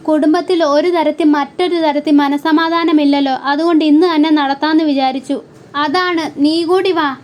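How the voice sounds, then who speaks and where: A woman recapping a television serial episode, reading out every role's lines in one plain, even voice. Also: high-pitched. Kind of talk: reading out soap opera dialogue.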